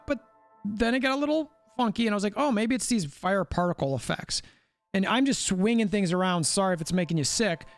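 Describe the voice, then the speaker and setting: Brief: male gaming host, high and very animated voice, exasperated commentary over quiet music. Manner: animated, exasperated, repeats for emphasis. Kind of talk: gameplay commentary.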